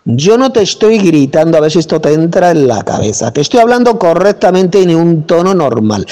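Scolding Spanish preacher, higher voice. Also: male voice, big pitch swings, brisk, long reverb tail. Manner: forceful, scolding, speaks with authority. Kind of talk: combative preaching monologue. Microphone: phone mic.

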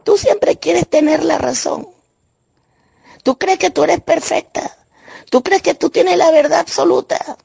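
A woman voicing her angry adult sister, who scolds her in shrill, accusing outbursts. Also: a little slow, vocal fry, a little mellow, no echo, full character voice. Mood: angry, scolding.

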